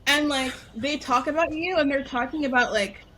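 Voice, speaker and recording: A young adult woman in casual conversation, telling a personal story in an animated way, laughing often and saying "like" a lot. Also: high-pitched, brisk, a crowd in the background. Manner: animated, laughing, heavy use of "like". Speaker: guest storyteller. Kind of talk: casual interview chat.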